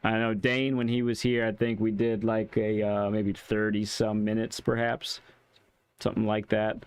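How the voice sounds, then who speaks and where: A man hosting a gaming live stream, chatting casually in a halting way and often repeating his words. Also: on the low side, level tone, clean tone, no room sound.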